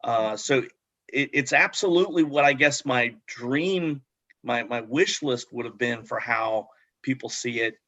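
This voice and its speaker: A man's voice: mid-range voice, measured pace, bright, forceful tone. Earnest man answering reflectively, muffled audio. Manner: thoughtful, earnest, many fillers. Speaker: club founder. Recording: muffled dry online audio.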